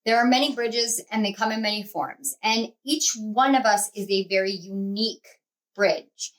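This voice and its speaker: This tarot reader and channel host talks at normal speed in a medium-pitched, fairly bright voice. Running a pick-a-card reading, she addresses her viewers together in an earnest, conversational ramble full of fillers and restarts.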